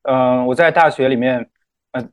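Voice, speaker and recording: A man's voice: medium pitch, steady tone, normal speed. A man from mainland China speaking casually and reflectively, repeating words as he searches for phrasing. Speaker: guest teacher.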